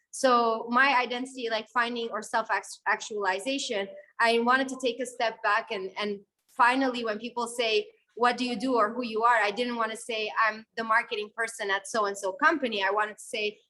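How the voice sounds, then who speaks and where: In a chatty, animated interview reply with many fillers and restarts, a young videographer from Syria recounts her story as a guest. Her voice is a little high, and the poor audio carries a bit of hiss or hum.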